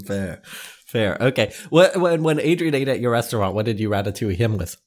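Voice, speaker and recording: A man interviewing in a casual comic style, with deadpan, hesitant reactions. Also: medium pitch, fairly quick.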